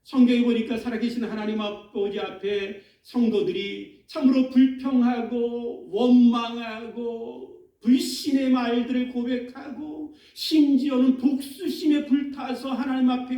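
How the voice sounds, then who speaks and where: A man preaching from the pulpit with a very high, mellow voice. His sermon is dramatic, and he rises into raised, pleading tones. The sound comes from a little off the mic and rings through a big echoey church. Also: distant mic. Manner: dramatic, acts out biblical laments in raised voice. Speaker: pastor. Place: church sanctuary.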